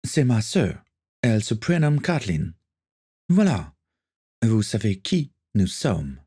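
A man's voice: lowish voice, very animated, slow, dark tone, husky, no room sound, clean studio sound, heavily acted. A man voicing a proud young English nobleman held by pirates, stiff and demanding, in a storybook reading.

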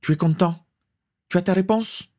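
A woman's voice: a little fast, mellow, husky, exaggerated voice. A man voicing an impatient, villainous female pirate in a storybook reading. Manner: impatient, shrill.

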